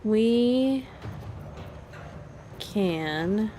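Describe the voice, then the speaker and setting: A woman's voice: mid-range voice, lively intonation, extremely slow, mellow, faint music behind. A woman streaming a video game live, thinking aloud in casual commentary and laughing often.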